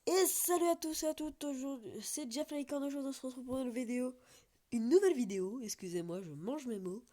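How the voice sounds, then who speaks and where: A woman's voice: sits high, fairly quick, warm tone. A woman giving casual gameplay commentary as a YouTuber, chatty and rambling with lots of fillers and restarts. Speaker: gaming YouTuber.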